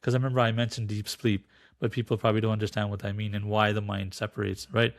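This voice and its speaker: A man talks in a relaxed podcast setting, his voice close and dry with no room sound. He explains spiritual ideas and tells a parable with lively voices for the characters. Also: lowish voice, fast talker, vocal fry, no echo. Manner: animated storyteller, acts out quoted voices. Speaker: podcast guest, teacher of Sikh philosophy. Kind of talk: casual podcast storytelling.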